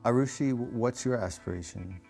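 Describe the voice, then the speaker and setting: A man's voice: medium pitch, a little fast, vocal fry. A man hosts a televised talk show with a mid-range voice. He presents in a polished, upbeat way and asks his questions more casually. Faint music plays underneath. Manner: upbeat scripted presenting, then relaxed questioning. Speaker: show host. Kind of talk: TV talk show hosting and interviewing. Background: faint background music.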